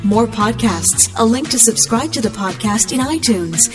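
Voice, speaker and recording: A woman's voice: fairly high pitch, lively intonation, normal speed. Upbeat woman reading a radio promo. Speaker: station announcer. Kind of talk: scripted promo read. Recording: promo read over music.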